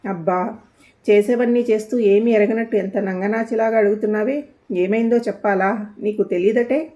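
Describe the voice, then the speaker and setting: A woman's voice: medium pitch, fairly even intonation, moderate pace, natural voice. A woman voicing a furious, jealous married woman who hurls harsh accusations. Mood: angry, accusing. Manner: harsh, shouting insults.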